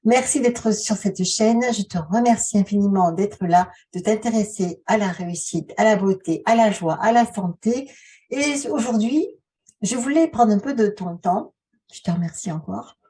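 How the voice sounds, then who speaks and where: A woman hosts a casual video, speaking straight to the viewer from a little way off the mic. Her voice is soft-edged, dark and somewhat husky, at a middle pitch. She talks in a halting, conversational way and leans on rhetorical questions. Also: distant mic. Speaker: video channel host, author and relaxation therapist. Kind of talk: casual vlog talk addressed to the viewer.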